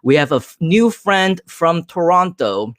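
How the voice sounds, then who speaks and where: A man's voice: a little high, big pitch swings, unhurried, a bit bright, no room sound, clean studio sound. A man from Hong Kong hosting a live stream, answering viewer comments in an upbeat, direct way with frequent filler sounds.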